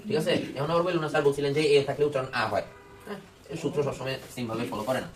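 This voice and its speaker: A man's voice: mid-range voice, racing. A man teaching English pronunciation to a class of children, strict and drilling words over and over. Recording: roomy classroom from far off. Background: children chattering.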